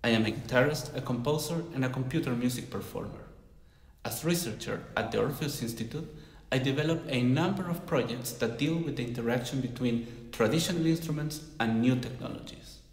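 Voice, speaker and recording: A man's voice: mid-range voice, a little fast. Chilean-born man in a reverberant room. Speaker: music researcher. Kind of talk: scripted portrait monologue. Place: high-ceilinged room with tall windows. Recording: roomy with long reverb.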